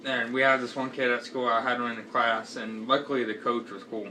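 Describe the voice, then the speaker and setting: Young guy just chatting, bright forceful voice, kinda far from the mic, bit of noise. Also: mid-range voice, little pitch movement, fairly quick. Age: young adult. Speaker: co-reviewer. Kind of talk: casual chat. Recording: distant microphone, faint background noise.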